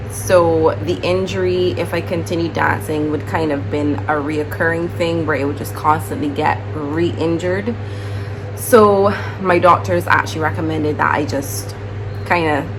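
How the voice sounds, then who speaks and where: This is a young woman from Barbados, a teacher talking casually to her vlog audience. She rambles in an easy, chatty way with plenty of fillers, in a slightly low voice. The recording has a clear layer of noise behind her. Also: fairly even intonation, unhurried.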